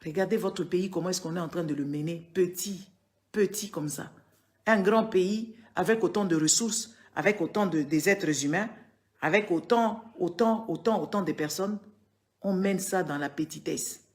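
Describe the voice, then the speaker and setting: A woman's voice: lowish voice, normal speed, a little mellow. A woman from Congo, giving political commentary on a live stream. She lectures her viewers, scolding and emphatic, and repeats words for force. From Democratic Republic of the Congo.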